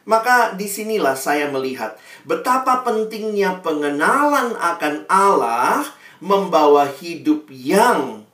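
A preacher delivers a sermon to an online congregation, telling stories in a lively way and addressing listeners directly. The voice is mid-range, and the recording sounds roomy, captured from a distant mic.

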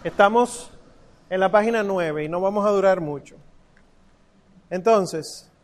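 A man's voice: sits high, a little slow. A man teaching a congregation to chant, patiently coaching their pronunciation syllable by syllable. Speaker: liturgical chant instructor.

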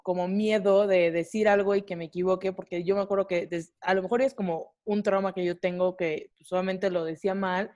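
A woman's voice: medium pitch, brisk, hardly any pauses. Chatty Mexican woman telling a story. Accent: Mexican Spanish. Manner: animated, swears casually, frequent fillers. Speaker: podcast co-host. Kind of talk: casual storytelling chat.

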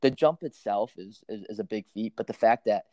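A man's voice: fairly low pitch, a little fast, warm tone, no echo. A young man co-hosting a podcast in a joking, casual way, often checking that his friend follows him. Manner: jokey, keeps saying "you know what I'm saying". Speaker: podcast co-host.

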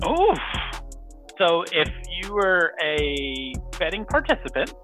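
A man's voice: on the high side, sing-song, slow, music in the background. A man hosting a casual sports betting podcast, upbeat and chatty, laughing often. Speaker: podcast host.

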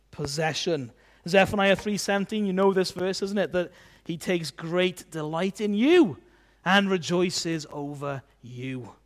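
A man preaching a sermon in a chatty, conversational way, often adding tag questions. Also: a little high.

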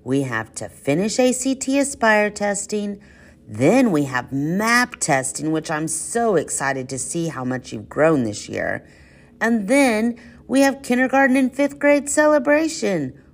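A woman's voice: medium pitch, unhurried. A woman hosting school announcements in the manner of a kids show host, exclamatory and talking straight to children. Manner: animated, exclamatory, talks to children.

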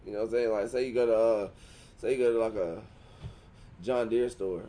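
A man's voice: on the low side, fairly even intonation, fairly quick, mellow. Profane joking man co-hosting a podcast. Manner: profane, joking, breaks into goofy voices. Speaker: podcast co-host. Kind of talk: rowdy casual chat.

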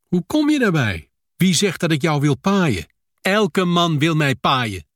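A man's voice: fairly high pitch, very animated, measured pace, fairly bright tone, dry recording, studio quality. A man reading a novel aloud, voicing a fierce Brazilian widow who speaks blunt, broken Dutch. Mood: prickly. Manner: blunt, clipped broken grammar.

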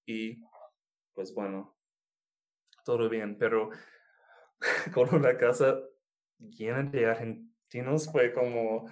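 Easygoing man in relaxed chat. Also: mid-range voice, slow pace, long pauses. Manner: relaxed, easygoing, with frequent filler words. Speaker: conversation partner. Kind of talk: casual chat.

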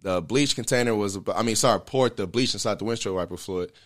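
Low-voiced man telling a candid story. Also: fast. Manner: candid, earnest, loose slangy phrasing with many fillers. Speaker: guest telling a personal story. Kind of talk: casual conversational storytelling.

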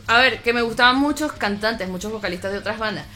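Bright-voiced Venezuelan woman vocalist. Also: fairly high pitch, quick pace. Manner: reflective, many restarts and fillers. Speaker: metal band vocalist, guest. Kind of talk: casual interview answers.

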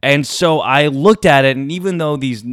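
A man hosting a solo confessional podcast, speaking to listeners in a theatrical showman's manner with emphatic, dramatic pauses. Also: fairly high pitch, a bit bright, no room sound, studio quality. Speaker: podcast host.

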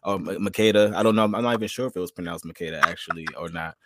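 A man hosts his podcast in loose, profane chat. He talks fast and a little low, circling back over his own words. The sound is close and dry. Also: a bit bright, dry recording. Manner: loose, slangy and profane, rambling restarts. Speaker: podcast host. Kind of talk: casual interview chat.

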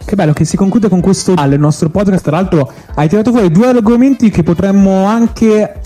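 A man with a high yet very mellow, soft-edged voice hosts a casual podcast chat. Faint music plays behind him. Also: brisk. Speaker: podcast host.

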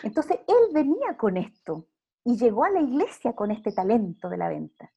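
A woman's voice: on the high side, sing-song, normal speed, creaky, mellow, breathy edge. A woman speaking earnestly in a casual faith interview, preaching with emphatic repeated phrases.

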